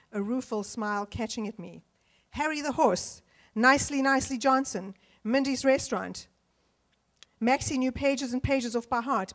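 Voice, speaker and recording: A woman from South Africa reads from her novel on a panel stage, speaking into a handheld microphone. Between passages she talks haltingly with many ums and uhs. The sound is of a large auditorium. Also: fairly high pitch. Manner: hesitant, filler-heavy between readings. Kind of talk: literary reading on a panel. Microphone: handheld mic.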